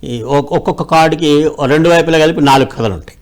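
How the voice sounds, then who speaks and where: A man telling short moral tales with lively voice changes and mimicry. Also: a little high, quick pace. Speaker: storyteller guest. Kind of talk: animated storytelling.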